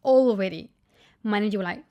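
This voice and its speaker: A young woman vlogging a casual story to camera, animated, acting out quotes with big pitch jumps and dropping to a whisper for asides. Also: moderate pace, highs cut off. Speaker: lifestyle vlogger.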